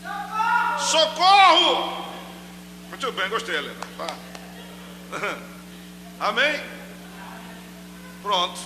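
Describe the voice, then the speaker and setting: Holding a handheld microphone in a large church hall, a pastor preaches in a high voice, slow and with frequent pauses. He addresses the congregation directly and animatedly, acting out shouted cries over background noise.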